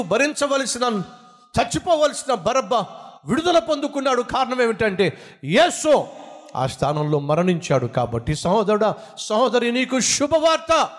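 High-pitched male preacher, emphatic, lots of repeated lists, long echoey hall reverb. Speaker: pastor. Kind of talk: sermon.

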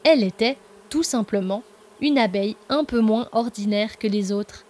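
A woman narrating a children's story as a podcast storyteller, reading gently and expressively. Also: on the high side, normal speed.

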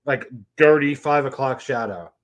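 A man's voice: mid-range voice, normal speed. A man co-hosting a podcast, trading crude jokes in casual comedic banter. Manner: crude, playful, laughs easily. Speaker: podcast co-host.

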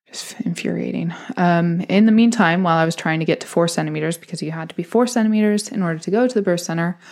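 A young woman with a lowish, darkish voice hosts a podcast and tells her own birth story in a candid, chatty manner. She laughs often and imitates people's voices when quoting them.

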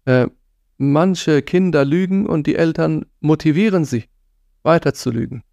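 A man's voice: on the high side, unhurried, gravelly, darkish tone, no room sound. A man giving an earnest religious talk on parenting, admonishing his listeners and sprinkling in Arabic phrases. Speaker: preacher.

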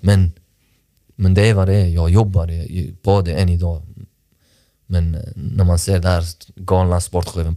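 A man's voice: low voice, warm tone, dry recording, studio quality. A man talking about his past in a podcast interview, earnest and reflective, often restarting his sentences. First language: not Swedish. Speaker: podcast guest, sports director. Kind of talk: personal interview talk.

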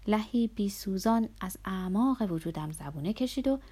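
A woman narrating a novel as an audiobook, reading in a steady, measured way. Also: mid-range voice, husky.

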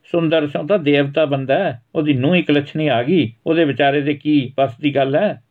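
A man's voice: a little high, normal speed, recorded from a distance, phone-quality sound, voice pushed up, natural voice. A man voicing a village mother who nags and scolds sarcastically in a storybook reading. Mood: scolding. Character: sharp-tongued village mother.

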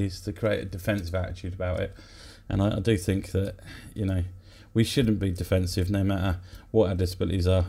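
A man's voice: low-pitched, creaky, mellow, breathy edge. A man co-hosting a podcast, chatting casually and telling a joke in a rambling, hesitant way. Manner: rambling, hesitant with fillers and restarts. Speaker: podcast co-host.

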